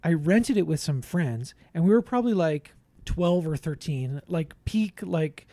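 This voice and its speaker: Podcast co-host, thirties male, high voice, mellow tone, animated storyteller, dry close mic. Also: unhurried, no echo. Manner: animated storyteller, laughs often, shouts when quoting himself. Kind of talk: casual chat.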